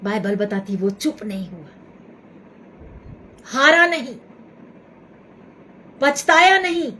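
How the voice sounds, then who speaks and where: A woman's voice: fairly high pitch, sing-song, slow pace, bright, forceful tone, slight background noise. A woman preaching a Hindi sermon with a Hindi accent, dramatic, acting out a beggar's cries and dropping to pleading whispers.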